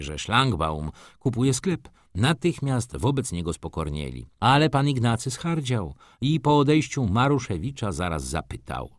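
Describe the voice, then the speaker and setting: A man narrating a novel as an audiobook, in an expressive, theatrical reading. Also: lowish voice, no echo, clean studio sound. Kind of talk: scripted narration.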